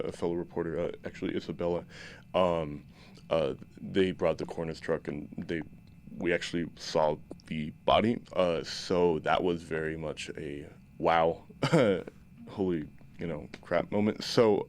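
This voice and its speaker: Deep-voiced young man, halting. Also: fairly even intonation, darkish tone. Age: young adult. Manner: halting, lots of fillers and restarts. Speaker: journalism student asking a question. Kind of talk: hesitant question in class.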